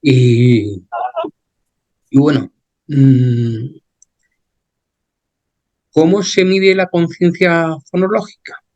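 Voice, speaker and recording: Very slow, hesitant male radio host. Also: fairly high pitch, fairly even intonation, a little mellow. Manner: short hesitant questions with fillers. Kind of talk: interview questions.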